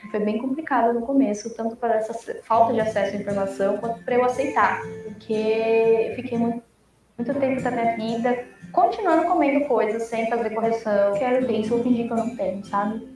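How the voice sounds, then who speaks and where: A young woman with a Brazilian accent speaks earnestly and reflectively. Her voice is a little high and sits away from the mic. The room is very echoey, and clear music plays behind her. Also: brisk, far from the mic. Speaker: guest. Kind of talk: casual live video chat.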